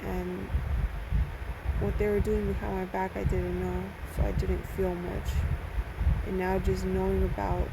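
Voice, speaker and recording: A young woman vlogger records an emotional personal video message on her phone, sad and close to tears, her monotone voice sinking into a gravelly fry. She speaks haltingly, repeating herself and sighing between thoughts. A steady rumble of vehicle noise suggests she is sitting in a car.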